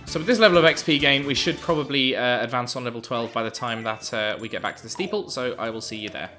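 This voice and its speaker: Bright-voiced let's play guy. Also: mid-range voice, fast talker, faint music behind. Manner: chatty, amused, hesitant with many ums. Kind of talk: casual game commentary.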